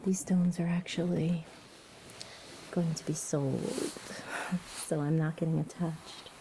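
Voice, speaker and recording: A woman whispering softly and gently through an ASMR session as its creator. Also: low voice, flat delivery, slight background noise, low-quality recording. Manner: soft whispering, slow and gentle.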